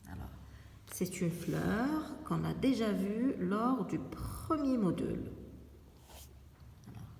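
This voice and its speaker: A woman teaching young children to read, speaking slowly and splitting words into syllables, asking questions and then answering them herself. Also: mid-range voice, lively intonation, gravelly, darkish tone, echoey room, in a large hall, distant mic, slight background noise. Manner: slow, spells out words syllable by syllable. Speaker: primary school teacher. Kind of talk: reading lesson for young children.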